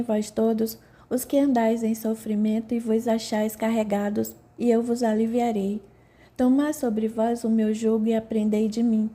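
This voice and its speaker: Woman reading serene male spirit mentor, gentle sermon manner, audiobook, very dark mellow tone, slightly high. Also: lightly acted. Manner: calm, gentle sermon-like address. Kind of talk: audiobook narration.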